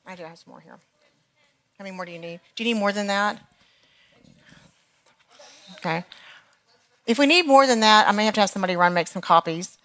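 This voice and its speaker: A woman with an American accent, leading a church teaching session in a chatty, playful way, laughing often and rising high when excited. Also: fairly quick, pauses often. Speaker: women's ministry leader. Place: church meeting room.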